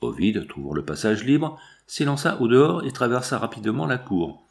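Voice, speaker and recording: A man narrating a novel in an expressive storytelling manner. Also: mid-range voice, normal speed, vocal fry. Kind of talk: audiobook narration.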